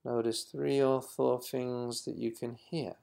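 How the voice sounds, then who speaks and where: A man leading a guided mindfulness exercise in a slow, calm, instructive manner. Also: mid-range voice, vocal fry. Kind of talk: guided meditation.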